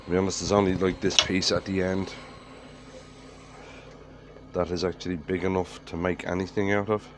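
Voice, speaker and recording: Working in his woodturning workshop, an Irish man with a head cold talks plainly and matter-of-factly about what he's doing. His deep voice is flat at normal speed, with long pauses, and workshop noise runs in the background.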